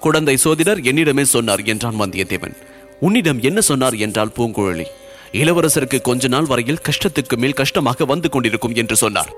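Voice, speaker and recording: Animated male storyteller over soft music. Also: a little fast. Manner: animated storytelling, drops low and soft for speech tags. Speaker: audiobook narrator. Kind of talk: reading a Tamil historical novel aloud, voicing dialogue.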